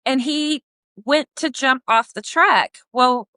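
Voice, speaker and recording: A woman with a bright, ringing voice pitched a little high tells a story in a loose, casual way. She acts out what other people said as she goes. The recording is dry and close, with no room echo. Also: takes it slowly. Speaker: guest, harness business owner.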